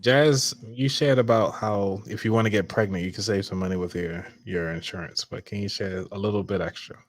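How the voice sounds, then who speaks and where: A man's voice: on the low side, fairly even intonation, fairly quick, dry recording. A man hosting a casual podcast chat, joking around while giving practical money tips. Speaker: podcast host.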